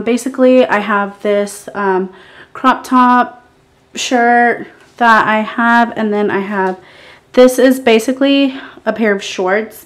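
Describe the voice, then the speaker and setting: A young woman, talking casually to camera in a lifestyle vlog, chatty and upbeat, with many fillers. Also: medium pitch. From Texas. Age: young adult. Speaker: vlogger. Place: parked car, then small bedroom doorway.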